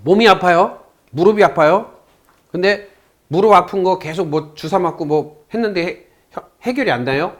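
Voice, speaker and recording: Teaching saju fortune-telling to a class, this man poses questions to his students and recounts a story by voicing both ends of a phone conversation. His voice sits high, and he speaks at a normal speed.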